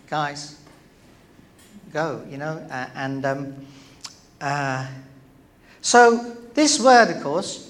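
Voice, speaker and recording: A man preaching in church, his voice sitting a little higher than most men's. He talks to the congregation in a loose, chatty way, with plenty of ums and direct questions. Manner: conversational, with many fillers and questions to the congregation. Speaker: pastor. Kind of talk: sermon.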